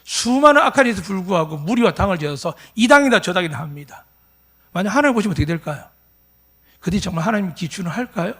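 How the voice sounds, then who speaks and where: A man's voice: sits high, expressive, fast talker, fairly bright tone, breathy edge. A pastor in his fifties preaching at a Sunday church service, emphatic and full of rhetorical questions to the congregation. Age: 50s. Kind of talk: sermon.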